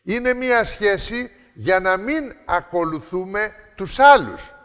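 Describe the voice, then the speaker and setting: Older guy preaching in a big echoey hall, high voice that jumps all over. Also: smooth. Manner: lively storytelling, acts out quoted voices. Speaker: preacher and former teacher. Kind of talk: sermon to campers.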